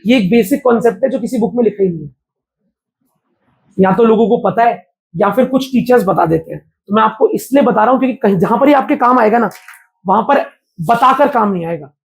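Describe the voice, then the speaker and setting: A man's voice: high voice, a little fast, gravelly. A man teaching a physics class live to students, talking casually and often throwing questions at the class. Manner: chatty, keeps quizzing the class.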